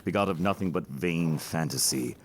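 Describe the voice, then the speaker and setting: A man's voice: low-pitched, moderate pace, a little hiss or hum, close to an everyday voice. A man playing Mercutio, a witty, fanciful, teasing young man, in a theatrical storytelling delivery for a Shakespearean audio play. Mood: wistful.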